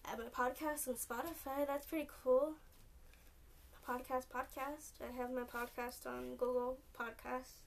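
Young woman, Californian accent, podcast host; casual rambling, fillers everywhere, slightly high voice, distant mic. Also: level tone, a little slow, vocal fry. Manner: rambling, lots of "like" and "um", restarts often. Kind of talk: rambling solo podcast chat. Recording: distant mic with faint noise.

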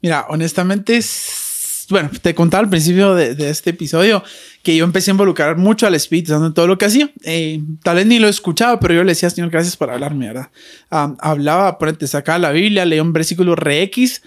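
A man's voice: fairly high pitch, fast talker. Earnest man sharing faith stories, chatty. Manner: earnest, chatty storytelling with many fillers. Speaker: podcast guest. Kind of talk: casual faith podcast conversation.

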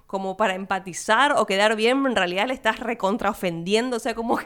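Young argentine woman podcasting, chatty film talk, smooth clear voice, laughs while talking. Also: medium pitch, a little fast, fairly bright tone. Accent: Argentine Spanish, not Buenos Aires. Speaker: podcast host. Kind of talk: casual film commentary.

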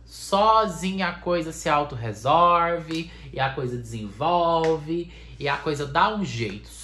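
A woman hosting a podcast, leading a playful mock guided meditation with long sighs and slow drawn-out phrases. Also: sits low, lively intonation, a bit bright. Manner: sighing mantra-like "ai, ai", slow drawn-out soothing phrases, swearing offhandedly. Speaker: podcast host. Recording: roomy echo.

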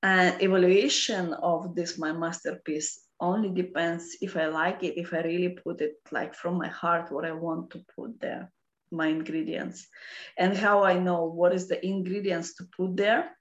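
A woman with a Russian accent explaining philosophical ideas off the cuff in halting non-native English. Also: on the low side, steady tone, highs cut off. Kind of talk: unscripted philosophical explanation in conversation. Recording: roomy, echoing sound.

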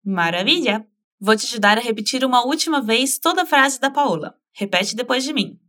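A woman with a slightly high, bright, pushed voice and lively intonation teaches a language lesson. Patient and encouraging, she models each phrase slowly and asks the listener to repeat after her.

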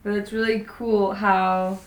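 A woman's voice: medium pitch, little pitch movement, slow. A young woman interviewing casually, with an agreeable, informal way of talking. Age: young adult. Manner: agreeable, informal, frequent backchannels. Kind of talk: casual chat. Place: room at home. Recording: roomy, echoing indoor sound.

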